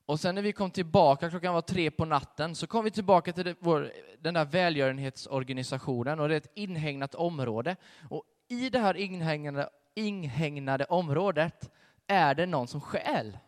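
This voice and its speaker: A young man giving a sermon with a personal testimony, telling his story in a conversational, animated way. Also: on the high side. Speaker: preacher. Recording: long hall reverb.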